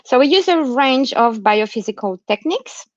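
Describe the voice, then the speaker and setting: She's a researcher with a non-Australian accent, speaking in a high-pitched, animated voice at a moderate pace. The explanatory academic talk is given remotely during lockdown, with short tags checking understanding, and the lo-fi call audio is muffled and free of room sound.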